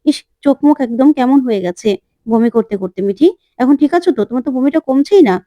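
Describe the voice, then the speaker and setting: A woman's voice: sits high, animated, fast, warm tone, no room sound. A woman voicing a meddling young woman who insinuates with sly remarks.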